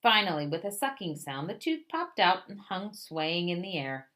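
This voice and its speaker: A woman reading a children's picture book aloud in an expressive storytelling way. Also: fairly low pitch, moderate pace.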